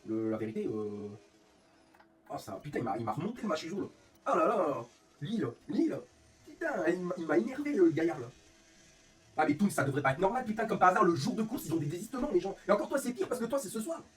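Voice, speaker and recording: Soft background music plays under this angry live-stream rant from a feverish streamer and league organizer from northern France. His high voice comes through a distant mic amid faint room ambience as he rattles on rapidly, animated and swearing all the while.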